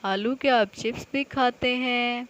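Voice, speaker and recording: A woman leads a nursery alphabet lesson. Her voice sits a little high, and she speaks very slowly, drawing out every syllable so small children can follow and repeat. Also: fairly even intonation, fairly bright tone, highs cut off. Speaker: nursery Urdu teacher.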